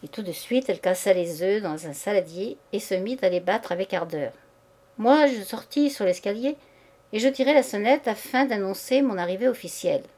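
A woman's voice: medium pitch, a little mellow. Woman reading a classic short story. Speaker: reader.

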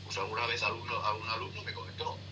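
A middle-aged man, a sailing instructor, answering interview questions in a halting way, full of fillers and tag questions. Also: on the low side, completely flat delivery. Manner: halting, many fillers and repeated "¿eh?". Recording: distant noisy remote line.

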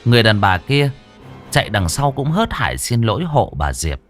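A man's voice: mid-range voice, normal speed. A man narrating a ghost story dramatically. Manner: dramatic, expressive. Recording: dry studio voice with faint music.

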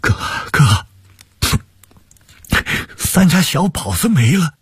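A man's voice: on the low side, big pitch swings, normal speed, slightly rough, dry recording, pitched above the performer's own voice, heavily acted. A man voicing a grieving younger brother who talks through tears. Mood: tearful. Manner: sobbing, broken pleading.

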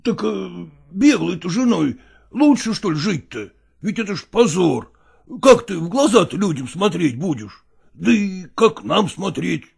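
Guy reading an old merchant dad, husky and gravelly, talks up and down a lot, folksy and pushy. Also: sits high, big pitch swings, a little slow, full character voice. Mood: coaxing. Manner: persuasive, folksy. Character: older merchant father, coaxing, pragmatic. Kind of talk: dramatized literary reading.

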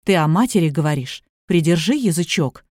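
A woman plays a hot-tempered middle-aged man in a storybook. His voice is a low, menacing growl, deep and close-miked. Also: lively intonation, a little fast, a little mellow, dry recording. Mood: soothing.

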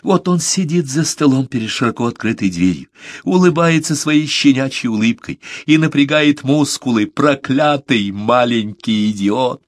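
A man voicing a furious, grieving man, half-mad with rage, shouting in fierce hoarse outbursts in an audiobook. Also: on the low side, unhurried, dry recording, studio quality.

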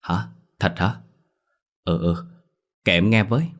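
A man's voice: low voice, measured pace. A man doing a whiny young temple boy. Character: young temple boy, excitable and easily scared.

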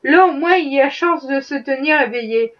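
Woman reading ironic gentleman, dry, mocking, distant mic, muffled sound. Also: high-pitched, moderate pace, lightly acted. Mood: wry. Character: ironic wealthy Southern gentleman, a worldly skeptic. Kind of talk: audiobook reading.

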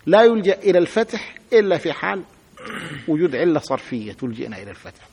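A man's voice: on the high side, very animated, fast talker, a little mellow, slightly rough. A sheikh teaching a grammar lesson, patiently repeating examples and asking his students to say them aloud. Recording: long hall reverb.

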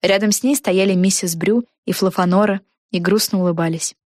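A woman narrating a children's book in an even storytelling manner. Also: mid-range voice, fairly quick, no room sound, clean studio sound. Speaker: audiobook narrator.

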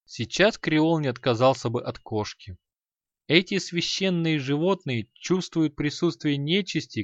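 A man reading a fantasy story aloud in a measured, expressive storytelling manner. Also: on the high side, no echo, dull audio. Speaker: audiobook narrator. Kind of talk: scripted fantasy narration.

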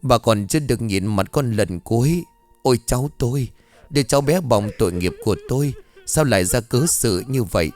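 A man voicing an old grandmother lamenting loudly over her lost grandchild in a ghost story. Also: medium pitch, expressive, fairly quick, close to an everyday voice. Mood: wailing grief. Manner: wailing, lamenting.

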